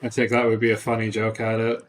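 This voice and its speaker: A man's voice: on the low side, completely flat delivery, quick pace, a little hiss or hum. Man muttering through a game stream. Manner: muttering thoughts aloud, joking to chat. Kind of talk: casual gameplay commentary.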